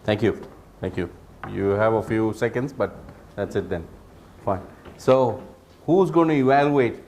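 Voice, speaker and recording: A man presenting a public speaking workshop, lively and joking with the audience. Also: on the low side, unhurried, slight background noise. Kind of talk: live workshop talk.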